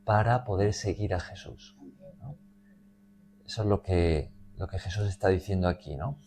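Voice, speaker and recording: A man's voice: low voice, moderate pace, dark tone, a little hiss or hum. A man leading a Bible study, explaining a passage in a teacherly way and often checking in with his listeners.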